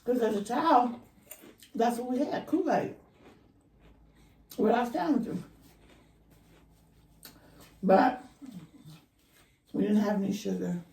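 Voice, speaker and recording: A middle-aged woman chatting casually as a vlog co-host, eating as she talks, with pauses and murmurs. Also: a little high, expressive, gravelly, mellow. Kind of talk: casual chat while eating. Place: indoor room at a table. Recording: roomy echo, distant mic.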